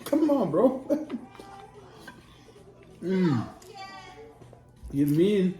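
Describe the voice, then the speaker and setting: A man from Congo chatting casually over a meal, quick to tease and disbelieve. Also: high voice. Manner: animated, incredulous teasing. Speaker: mukbang co-host. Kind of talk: casual chat while eating. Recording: roomy echo with music behind.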